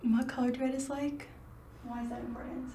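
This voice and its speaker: An actress playing a withdrawn, uneasy research subject, hesitant and subdued in a found-footage drama. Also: female voice, sits high, flat delivery, brisk, warm tone. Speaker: interviewed test subject. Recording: echoey room, distant mic, faint noise.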